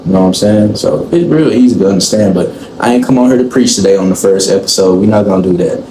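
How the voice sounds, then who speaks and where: Twenty-something guy chatting on a podcast, lowish voice, roomy echo with faint hiss. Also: dark tone. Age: 20s. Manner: explains slowly, repeats "you know what I'm saying". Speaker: podcast host. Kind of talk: casual chat. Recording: echoey room, faint room noise.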